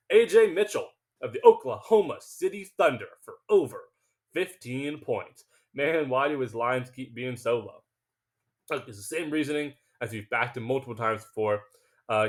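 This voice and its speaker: A man hosting a sports betting picks video, talking emphatically and confidently, sometimes tripping over his words. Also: mid-range voice. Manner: emphatic, confident, self-assured; stumbles and restarts when excited. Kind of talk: casual betting picks monologue.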